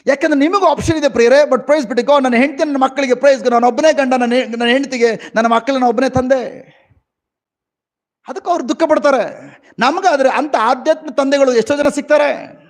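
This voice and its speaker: A middle-aged Indian man preaches in a Kannada-accented voice that sits high for a man. His delivery is emotional, rising into loud exclamations and then sinking into quiet, reflective asides. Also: moderate pace. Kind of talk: sermon.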